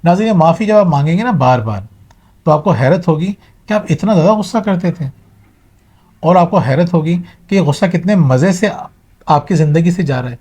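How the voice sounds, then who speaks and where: A man's voice: a little high, expressive, darkish tone, slightly rough. A middle-aged man giving a motivational talk to viewers, earnest and advising, mixing in English words. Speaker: motivational speaker.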